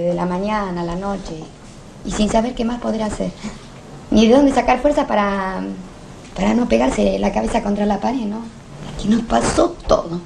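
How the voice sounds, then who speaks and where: A woman's voice: medium pitch, gravelly, background noise, close to an everyday voice. An actress with a Rioplatense accent playing a weary, stubborn working-class mother who speaks with fervent, pleading passion. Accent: Rioplatense Spanish. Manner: impassioned, pleading, swings between hushed and fervent.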